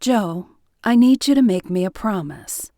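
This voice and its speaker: Woman reading fierce protective young shifter woman, firm pleading tone, mid pitch, dry sound. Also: expressive, a little slow, dark tone, dry recording, close to an everyday voice.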